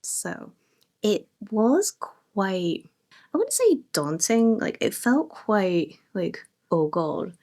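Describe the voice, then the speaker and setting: A woman's voice: medium pitch, wildly swooping pitch, extremely slow, dark tone. A young adult woman chatting casually and enthusiastically about books she has read. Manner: chatty and enthusiastic, lots of fillers. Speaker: book vlogger. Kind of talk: casual book review chat.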